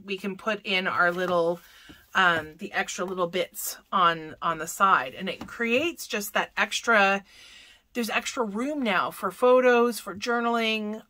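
A woman's voice: medium pitch, pushed and bright, dry recording. A woman hosting a papercraft tutorial, chatting through each step as she works and often correcting herself mid-sentence. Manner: chatty, self-correcting, talks while working.

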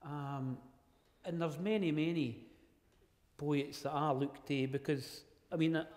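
A man's voice: fairly high pitch, fairly even intonation, takes it slowly, darkish tone. A middle-aged man from Ayrshire with a broad Scottish accent, speaking in Scots to a room from a lectern microphone as a poet. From Ayrshire, Scotland. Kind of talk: public talk in Scots on poetry, with recitation. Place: large wood-panelled hall, indoors. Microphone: handheld-type microphone on a stand at lectern. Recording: echoey hall, long reverb.

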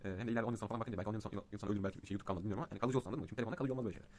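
Fast-rambling young man vlogger. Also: on the low side, a little mellow, a little hiss or hum. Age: young adult. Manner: rapid rambling with many fillers; agitated ranting. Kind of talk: casual vlog talk. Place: outdoors in cold wind.

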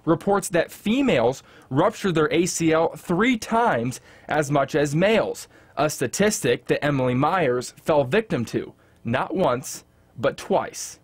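A male reporter reading a scripted news feature in a measured storytelling delivery. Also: on the high side, expressive, breathy edge.

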